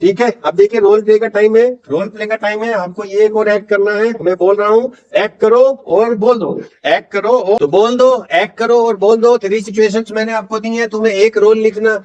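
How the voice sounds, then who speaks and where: High-voiced Hindi-speaking English teacher. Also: male voice, steady tone, darkish tone, distant mic, dull audio. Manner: explains in Hindi, models English lines slowly. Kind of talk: Hindi-English spoken English lesson.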